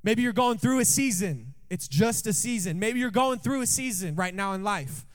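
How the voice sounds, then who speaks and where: A man's voice: sits high, animated, normal speed. A man preaching a sermon in a church, telling a story with jokes and often asking the congregation questions. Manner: jokey, asks the room questions often.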